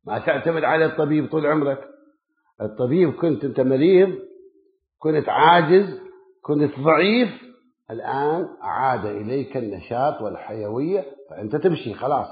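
A man delivers a sermon, building emphatic lists of words that climb and then sink low. The sound is thin and phone-like. It rings with a roomy echo. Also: expressive, a little fast. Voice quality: emphatic, rhythmic listing of words, rising then dropping low. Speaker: preacher. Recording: echoey, phone-like lo-fi recording.

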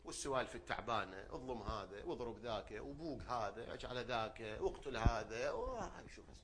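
A man preaching a sermon, asking rhetorical questions, repeating phrases and swinging between loud outbursts and low murmurs. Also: animated, a little fast, background noise.

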